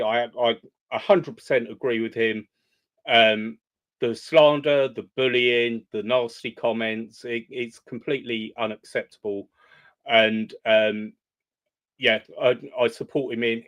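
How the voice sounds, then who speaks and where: A man hosting a reaction video, speaking in a measured, hesitant way with frequent pauses and ums. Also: medium pitch, fairly even intonation, fairly bright tone. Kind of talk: commentary on a played video.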